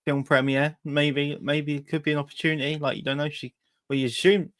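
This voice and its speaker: A man's voice: on the high side, flat delivery, fairly quick, fairly bright tone, no echo, studio quality. A man with a British accent casually hosting a livestreamed talk show.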